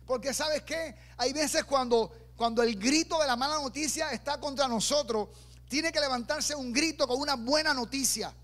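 High-voiced man preaching with playful asides. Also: normal speed. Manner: animated preaching, acting out quoted voices with humorous asides. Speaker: pastor. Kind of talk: sermon.

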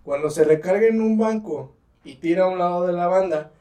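A man's voice: high-pitched, a little fast, dark tone, roomy sound, far from the mic. A man co-hosting a podcast, telling a work story in crude, teasing, swearing casual chat. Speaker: podcast co-host.

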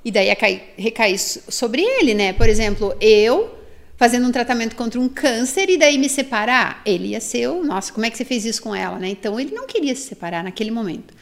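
A woman's voice: fairly high pitch, fairly quick. A Brazilian woman in her forties, a guest in an interview, telling a personal story candidly and with animation, acting out what others said. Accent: Brazilian Portuguese. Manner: animated, quotes others' words in voices.

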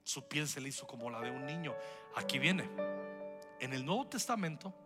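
A man preaching a lively sermon to his congregation. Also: mid-range voice, normal speed, over music. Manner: lively preaching with acted-out quotes. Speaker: pastor.

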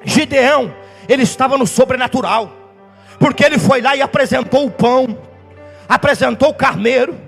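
A man preaching as a pastor, telling stories with fiery energy and shouting at the peaks. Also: very high voice, moderate pace, creaky. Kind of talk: sermon. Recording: reverberant hall with faint music.

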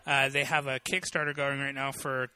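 Male podcast co-host, crisp bright voice, dry close mic, meandering. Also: medium pitch, flat delivery, moderate pace, no echo. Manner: rambling, hesitant fillers. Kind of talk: casual chat.

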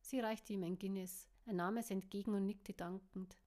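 Brief: woman narrating her novel, plain and unhurried, mid pitch. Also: fairly even intonation, a little mellow. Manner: plain narration with small slips. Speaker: author reading her novel. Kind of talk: reading a novel aloud.

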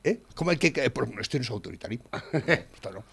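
Man, Spanish accent, blunt swearing rant in casual talk, rises to near shouting. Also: mid-range voice, big pitch swings, a little fast, creaky, breathy edge. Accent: Spanish from Spain. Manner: blunt, swears freely, rants loudly with frequent "¿eh?". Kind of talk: casual political chat.

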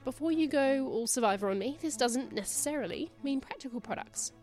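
A woman's voice: high voice, expressive, brisk, darkish tone. A woman hosts a podcast and reads her introduction from a script. Her voice is nasal and a little worn from a cold. Faint music plays behind her. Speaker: podcast host.

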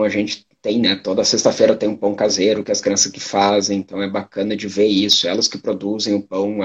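A man teacher from Brazil answering audience questions in a relaxed, hesitant way, with lots of filler words. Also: fairly low pitch, husky. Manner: unhurried, hesitant, many fillers. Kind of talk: live educational talk answering questions. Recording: dull lo-fi sound.

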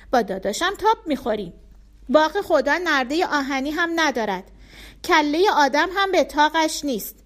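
Casting: a woman doing a curious small boy, high and wide-eyed, eager and questioning, storybook reading. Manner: eager, questioning child talk.

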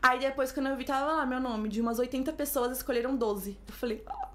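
A young Brazilian woman with a Brazilian Portuguese accent, chatting as a podcast guest and telling stories with lively acted-out quotes. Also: high-pitched. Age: young adult. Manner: rapid, animated storytelling with acted quotes. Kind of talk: casual podcast chat.

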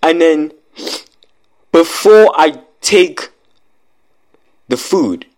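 A young man vlogging, telling a story in casual street slang and rambling with a constant "like" between phrases. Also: lively intonation. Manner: rambling, fills every pause with "like"; grows louder and higher as the story builds.

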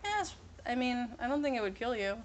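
A woman co-hosting a casual chat podcast, giggling often and tossing in quick playful asides. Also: fairly high pitch, very animated, a little hiss or hum. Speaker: podcast co-host.

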